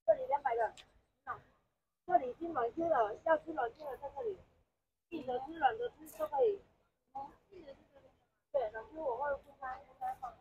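A woman vendor at a night market stall, briskly calling out prices and talking to customers. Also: high voice, sing-song. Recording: dull audio with faint background noise.

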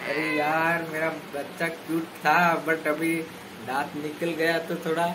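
In a casual family vlog shot on a phone held at arm's length in a small room at home, a father in his thirties chats playfully and teasingly with his young son. His voice is a little high, with little pitch movement and a measured pace, and the recording carries clear background noise.

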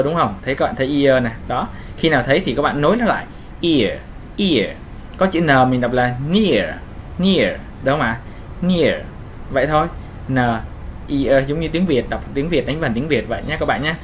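An English pronunciation teacher with a medium-pitched voice gives a casual lesson, speaking patiently and repeating each sound slowly. He keeps asking whether his listeners are following, and a faint hiss runs beneath his voice.

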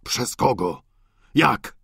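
A man reading an audiobook, voicing an old, frail father who speaks in halting outbursts of rage and tenderness. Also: mid-range voice, expressive, creaky, a bit bright, breathy edge, dry recording, clean studio sound, heavily acted. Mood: enraged. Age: older. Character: elderly doting father, frail, furious with grief.

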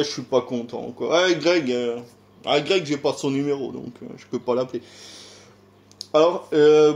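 In a casual video, a middle-aged French-accented YouTuber meanders along, sighing and asking himself rhetorical questions. His voice sits at a medium pitch with a slightly mellow quality. He comes across as hesitant, packing his speech with filler sounds.

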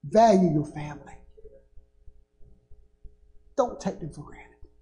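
A man's voice: fairly high pitch, expressive, slow, dark tone. An older man, preaching a sermon from a church pulpit with rising, emphatic bursts. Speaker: pastor. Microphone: pulpit microphone. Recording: echoey church sanctuary.

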